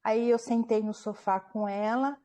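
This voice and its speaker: A woman's voice: a little high, unhurried. A woman, a book author, telling a personal story in an interview at home, animatedly acting out what people said and often checking in with her listener. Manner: animated retelling, acting out quoted dialogue, frequent tag questions.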